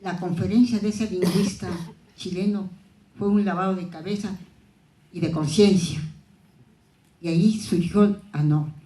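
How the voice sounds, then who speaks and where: A woman from southern Ayacucho whose first language is Quechua speaks at a panel in a reflective, anecdotal way, often restarting her sentences. Her voice is mellow and warm. The sound carries an echoey hall reverb. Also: lowish voice, steady tone, unhurried, long pauses. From southern Ayacucho, Peru. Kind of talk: conference talk.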